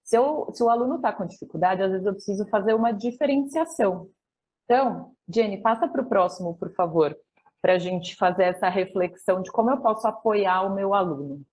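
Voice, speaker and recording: A Brazilian woman teacher with a Brazilian Portuguese accent giving a live online training for teachers, explaining step by step and tagging her points with quick questions. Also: mid-range voice, a little mellow, low-quality recording. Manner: explanatory, frequent tag questions.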